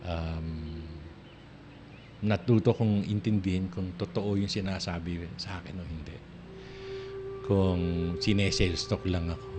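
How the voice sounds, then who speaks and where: A male radio host talks in a loose, rambling way, often restarting his sentences and laughing softly. His voice sits a little low. Music plays clearly under him throughout the broadcast. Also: steady tone, unhurried, pauses often. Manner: rambling and conversational, with frequent restarts and soft laughs. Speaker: radio talk show host. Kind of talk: casual on-air monologue. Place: radio studio.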